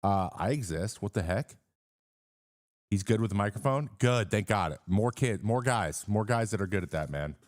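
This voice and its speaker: A man's voice: fairly low pitch, animated, normal speed, dry recording. A man in his thirties hosting a casual sports live stream, rambling with fillers and restarts and greeting viewers in the chat.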